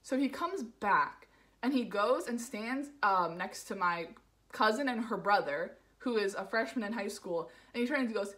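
A woman's voice: medium pitch, expressive, moderate pace, a bit bright. A young woman from the New York area telling a casual vlog story, rambling and full of "like" fillers. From New York area, USA. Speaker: vlogger.

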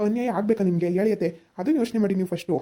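A woman voicing a young son-in-law who calmly talks his mother-in-law round in a village family drama. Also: medium pitch, very fast, natural voice. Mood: persuading. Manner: persuasive, repeated appeals. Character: reasonable young son-in-law, calm persuader.

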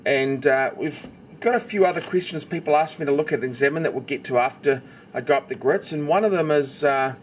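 A knife maker presents a tutorial, narrating casually and explaining carefully step by step in a brisk, slightly high voice. The homemade recording has steady, noticeable background noise.

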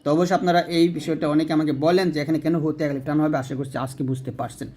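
A fairly high-voiced man leading a Quran recitation lesson. He explains each letter patiently and then chants the phrases slowly, stretching the long vowels for his listeners to repeat. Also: fairly even intonation, dark tone.

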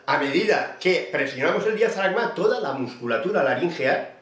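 A man teaches singing technique in a calm, explanatory way, his speaking voice sitting a little high for a man. He talks straight to one student, going over each step with care. The sound is roomy, with a clear echo off the walls. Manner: patient, explanatory, addressing a student by name. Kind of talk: vocal technique lesson.

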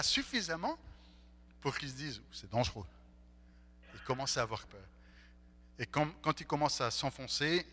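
A man preaching a sermon as pastor, speaking in an animated way and acting out the voices of the people in the story. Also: mid-range voice. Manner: animated, acts out the disciples' voices. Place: church. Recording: echoey church hall, faint hum.

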